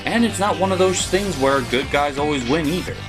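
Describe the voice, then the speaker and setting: Over background music, this cartoon reviewer hosts a scripted comedy show, opinionated and theatrical with crude wording. His voice is fairly high, expressive and brisk.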